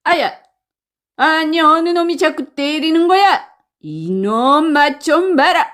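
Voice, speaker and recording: A woman voicing gruff male mountain bandits who bark threats and orders. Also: mid-range voice, expressive, very slow.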